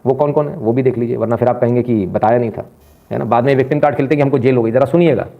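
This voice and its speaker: Man, news commentary, indignant, lecturing, rapid, tinny phone-like audio. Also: mid-range voice. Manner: indignant, lecturing, addresses viewers directly.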